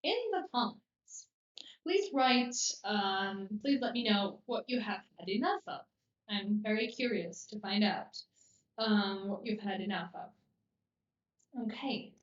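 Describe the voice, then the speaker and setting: A woman's voice: mid-range voice, expressive, slow. A woman teaching English on a live stream, patiently explaining expressions and reading out viewers' comments. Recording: roomy, distant and dull-toned mic.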